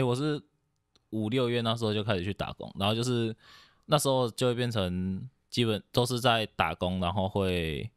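A young man from Taiwan chats on a podcast in a lowish voice, circling around his point with many fillers and false starts. He sounds close to the mic in a small quiet room, and the sound is dry. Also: clean tone, dry recording. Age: young adult. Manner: hesitant, rambling with many fillers and restarts. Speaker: podcast guest. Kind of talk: casual chat.

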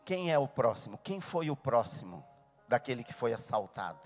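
A man voicing Jesus as a gentle, calm teacher, speaking lower and more softly. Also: moderate pace, soft background music, close to an everyday voice.

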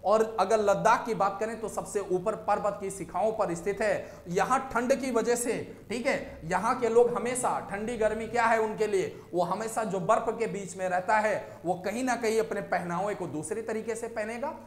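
High-voiced male teacher, echoey room. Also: moderate pace, few pauses. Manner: explains step by step, often checks with "ठीक है". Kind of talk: exam-prep lecture.

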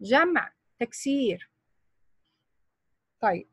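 Slow, high-voiced grammar teacher, a woman. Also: very animated, a bit bright, husky, dry recording. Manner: mixes Arabic and English, quizzing students with repeated questions. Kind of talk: online grammar lesson.

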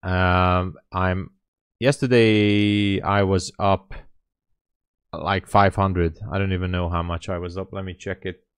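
A man in his late thirties hosting a casual live stream, thinking aloud and answering chat as he goes. His voice sits low, and he talks at an unhurried pace. The sound is dry and close, from a small room. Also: level tone, clean tone, no room sound. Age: 30s. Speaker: day trading livestreamer.

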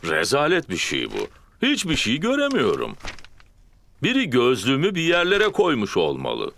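A man voicing a hearty, boastful, lazy father pig in a children's cartoon dub, with a deep booming voice. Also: vocal fry, slight background noise, heavily acted. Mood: grumpy. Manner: slow, hearty, expressive.

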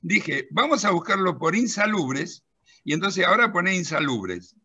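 A middle-aged man with a Rioplatense Spanish accent, animatedly demonstrating software on a video call while telling an anecdote and directing a helper at the screen. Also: sits high, sing-song, moderate pace, husky, muffled recording. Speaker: presenter of a pension-law software and magazine.

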